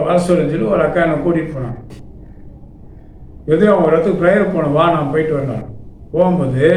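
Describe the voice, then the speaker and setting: A man's voice: on the high side, a little mellow, reverberant, slight background noise, poor audio. A male pastor preaching a sermon, telling stories and voicing the people in them. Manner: storytelling preacher who voices people in his anecdotes. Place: church.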